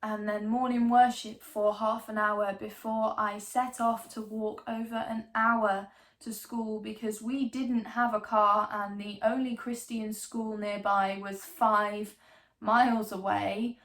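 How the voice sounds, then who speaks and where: Woman acting theatrical, slow, creaky-voiced ghost-story obsessive. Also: medium pitch, little pitch movement, fairly bright tone. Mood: subdued, confiding. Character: obsessive young woman enthralled by ghost stories, defiant, wry. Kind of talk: dramatic monologue, theatrical storytelling.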